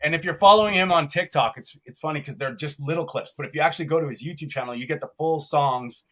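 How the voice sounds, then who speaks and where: A man's voice: fairly high pitch, quick pace, a bit bright. A man from Canada co-hosting a live podcast, chatty and upbeat, often laughing as he rambles. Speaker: podcast co-host.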